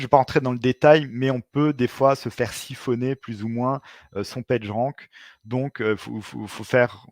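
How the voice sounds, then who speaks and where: A man's voice: mid-range voice, no room sound, clean studio sound. A man presenting a webinar as an expert, explaining informally and hesitantly, with frequent filler sounds and restarts.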